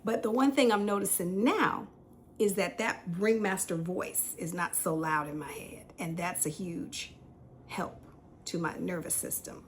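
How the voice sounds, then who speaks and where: Candid, laughing woman host, lowish voice. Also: fairly even intonation, unhurried, slight background noise. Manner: candid, self-deprecating, laughs often. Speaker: podcast host. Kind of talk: casual tea-time chat.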